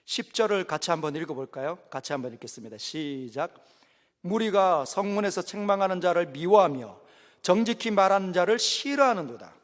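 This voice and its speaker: A middle-aged pastor with a high, animated voice, preaching a sermon. He lurches from ringing exclamations to quiet, low asides. His voice trails into a long church reverb. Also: a little fast. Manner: dramatic, swings between loud exclamations and hushed low asides. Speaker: senior pastor. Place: church sanctuary.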